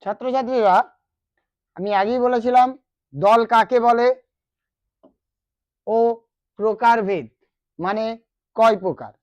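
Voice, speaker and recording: A teacher with a West Bengal accent walks students through a grammar lesson at a very unhurried pace. Key terms come back again and again, with questions put to the class. The voice sits mid-pitched in a dry, close recording. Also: a little mellow, no echo. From West Bengal, India.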